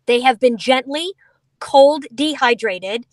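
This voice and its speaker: Speaking slowly in a high-pitched, animated voice with no room sound, a middle-aged woman is on a video call from inside a vehicle. She represents a dog food company and explains its product enthusiastically, with playful asides.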